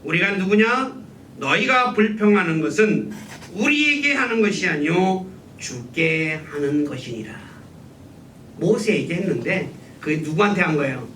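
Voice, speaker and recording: Male pastor, bright voice, animated sermon delivery, heard from a distance in a reverberant church with a faint rumble. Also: measured pace. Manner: asks the congregation questions and answers them. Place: church sanctuary.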